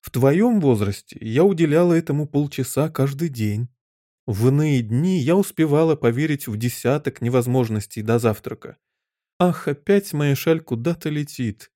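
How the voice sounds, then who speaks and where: A man's voice: medium pitch, lively intonation, normal speed, dark tone, no echo, clean studio sound, lightly acted. A man voicing a fussy, flustered elderly queen in an audiobook, given to wailing and crying out. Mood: patient. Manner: wails and cries out, fretful.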